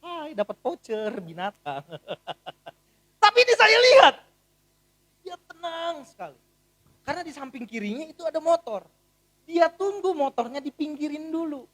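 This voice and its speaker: Animated male pastor preaching. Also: very high-pitched, normal speed. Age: 30s. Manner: animated, humorous storytelling with big swings in loudness. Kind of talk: sermon. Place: church.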